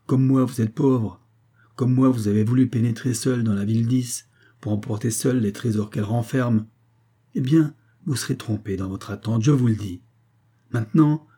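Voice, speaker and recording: A man's voice: mid-range voice, mellow, husky, lightly acted. A man voicing a desperate, defiant young male peasant in a read-aloud story, speaking fervently and urgently.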